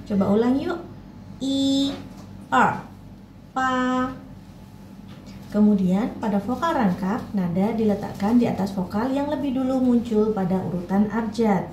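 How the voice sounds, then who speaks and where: A woman teaches a language lesson in a mellow, warm voice, patiently modeling sounds slowly and clearly. Her voice rings in an echoey room with a faint hiss behind it. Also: medium pitch. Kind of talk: instructional lesson for learners.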